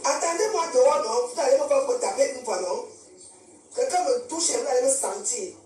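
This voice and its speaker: A woman from Cameroon delivers a defiant live-stream rant, confronting viewers and repeating herself as a social media streamer. Her high, expressive, slightly mellow voice moves at a moderate pace, captured from a distance and off-mic in an echoey room with faint music.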